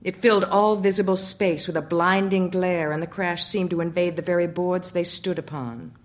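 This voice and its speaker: Low-voiced woman reading a story. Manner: measured, expressive reading. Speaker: narrator.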